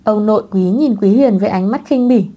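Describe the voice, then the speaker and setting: Một người phụ nữ đọc truyện audiobook bằng giọng đều đều, không vội vàng. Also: female voice, mid-range voice, a little fast, dark tone. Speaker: narrator. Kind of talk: audiobook narration of a web novel.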